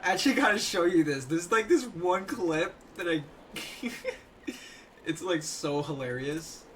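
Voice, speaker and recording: A man doing casual video game commentary, excitable, often halting and repeating his words. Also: sits high, noisy background. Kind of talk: casual gaming chat. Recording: distant mic under loud game music.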